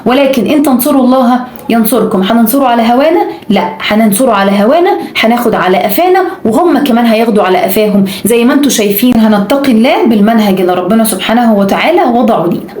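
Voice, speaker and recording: A woman's voice: fairly high pitch, expressive, rapid-fire, darkish tone, reverberant. A woman with an Egyptian Arabic accent gives a religious exhortation, urging her listeners emphatically and repeating her points. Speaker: religious speaker.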